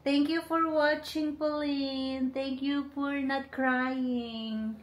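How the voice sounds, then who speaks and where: A woman's voice: high voice, fairly even intonation, drawn-out words. A woman in her thirties, a home vlogger, cooing at babies in a sing-song baby-talk voice. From Philippines. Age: 30s. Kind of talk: casual home vlog, talking to babies. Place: family home, indoors. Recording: echoey room, faint noise.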